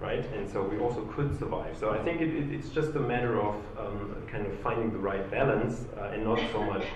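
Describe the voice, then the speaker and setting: A man's voice: fairly low pitch, a little fast, a little hiss or hum. A man on a panel giving his view, hesitant and full of fillers. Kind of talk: panel discussion answer. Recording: echoey room, dull distant mic.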